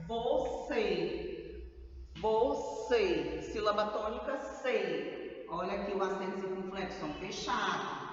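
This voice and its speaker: Brazilian woman, grade-school teacher, slow stressed syllables; dull, hall-like recording. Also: medium pitch, a bit bright. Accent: Brazilian Portuguese. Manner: slow, drawn-out stressed syllables, tag questions. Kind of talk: grammar lesson for children. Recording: roomy, far from the mic, dull.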